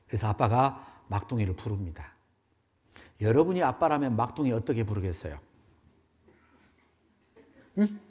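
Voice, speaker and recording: Lively Korean preacher, animated. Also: male voice, fairly low pitch, moderate pace, pauses often, husky. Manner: animated, acts out family dialogue, asks audience questions. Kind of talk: sermon with acted story voices. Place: church meeting hall.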